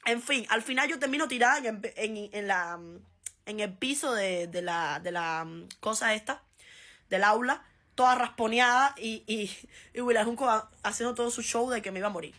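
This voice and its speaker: A Cuban woman vlogger telling a funny personal story in a lively, animated way, laughing and acting out voices. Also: fairly high pitch, normal speed. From Cuba. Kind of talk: casual storytime.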